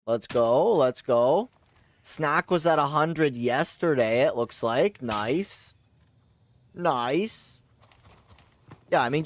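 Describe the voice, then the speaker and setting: A male game streamer talks slowly and loosely over his play, in a voice sitting a little high for a man. He rambles in slang and breaks into loud surprised outbursts now and then. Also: no echo. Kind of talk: casual live-stream commentary.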